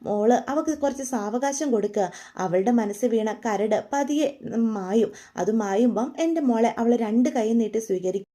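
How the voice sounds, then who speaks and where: A woman's voice: a little high, normal speed, warm tone, lightly acted. A woman voicing a kindly, protective grandmother who comforts her granddaughter in a soothing way.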